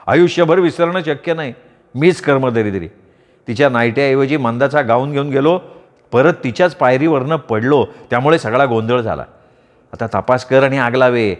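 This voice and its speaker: A man's voice: mid-range voice, moderate pace, in a large hall, natural voice. A man voicing a clumsy, guilty husband who pleads and fumbles for excuses. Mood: regretful.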